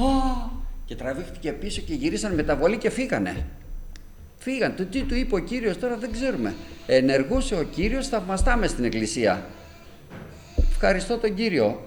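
An older man giving a fervent, emotional personal testimony to a church congregation, with sudden loud peaks. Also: medium pitch, a little hiss or hum.

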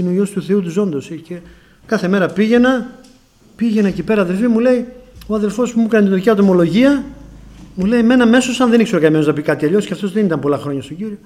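A man's voice: on the high side, a little mellow. A middle-aged Greek man from Greece preaching a testimony sermon, telling a story and often calling out to the brothers.

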